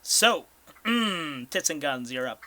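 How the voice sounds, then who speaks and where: Male game master, casual tabletop narration, sharp bright tone, raised pitch. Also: big pitch swings, slow.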